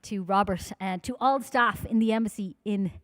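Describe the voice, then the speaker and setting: A woman in her thirties from Dublin with a Dublin Irish accent, chatting playfully with the audience between songs at a live concert, speaking into a stand mic on a dark stage. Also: mid-range voice, moderate pace, dry recording. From Dublin, Ireland. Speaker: folk singer and bandleader. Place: dark stage in a hall, indoors. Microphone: vocal mic on a stand. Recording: live stream with loud band music.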